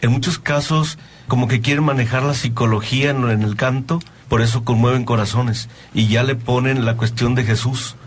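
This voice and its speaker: This is a Mexican priest who writes music, speaking as a guest on a talk show. His voice sits in an ordinary male pitch. He explains his answers in a calm, measured, teacherly way. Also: slightly rough. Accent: Mexican Spanish. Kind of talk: interview answers.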